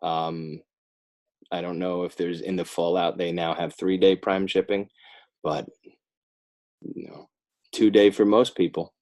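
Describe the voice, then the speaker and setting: This American guest on a podcast talks in a low, darkish, flat voice at a measured pace, leaving long pauses. An author-illustrator from northern New Jersey, he rambles casually through the interview and pokes fun at himself.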